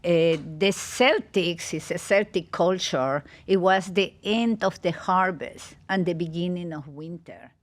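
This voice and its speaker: A woman from Peru talks with a Peruvian Spanish accent, her first language being Spanish. Her voice sits a little low, and she explains things eagerly in a casual chat, full of fillers like "you know". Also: unhurried, few pauses. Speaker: podcast guest, travel organizer.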